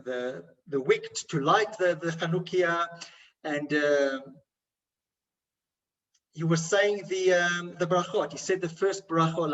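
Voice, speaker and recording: A man, a rabbi, giving a holiday sermon with a story, speaking haltingly with many restarts and fillers. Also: fairly high pitch, far from the mic, lo-fi sound.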